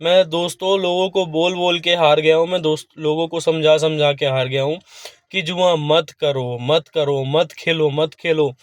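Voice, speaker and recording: A man's voice: on the high side, fairly even intonation, normal speed, dry recording, clean studio sound. A man vlogging from his car, talking earnestly and pleading again and again with his viewers. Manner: pleading, repetitive, appeals to "bhai" and "dosto". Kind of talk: earnest talk to camera.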